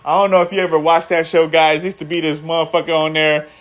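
A man's voice: on the high side, little pitch movement, fast talker. A man in his thirties, rambling through a profane motivational vlog and calling his viewers "guys". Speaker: vlogger. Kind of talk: casual motivational monologue.

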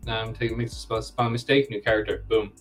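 A man's voice: on the low side, flat delivery, quick pace, faint music behind. Rambling joking man around thirty. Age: 30s. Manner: rambling, self-deprecating joking. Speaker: comic co-creator, guest. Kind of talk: casual interview.

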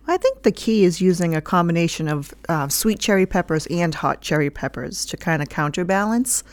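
Woman, cook co-host, calm and matter-of-fact, deep voice, dry close sound. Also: fairly quick, no room sound. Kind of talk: casual chat.

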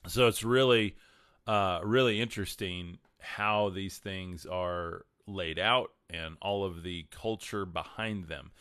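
A man's voice: low-pitched, takes it slowly, fairly bright tone, clear, resonant tone, no room sound, studio quality. A man with a twangy West Texas accent, talking casually as a livestream host and answering viewers.

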